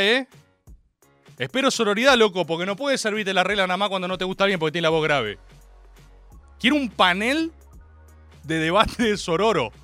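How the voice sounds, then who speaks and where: Lively, bright-voiced Rioplatense radio host. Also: male voice, high-pitched, no room sound. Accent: Rioplatense Spanish. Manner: mock-serious ironic rant, exaggerated. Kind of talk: comedic radio monologue. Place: radio studio. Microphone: studio microphone.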